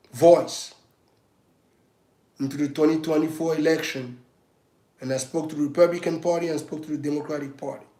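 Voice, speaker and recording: A man's voice: on the high side, a little mellow. Emphatic, heated man in an echoey room. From Africa. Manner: heated, emphatic, repetitive restarts. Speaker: self-styled state governor giving political commentary. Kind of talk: livestream political monologue.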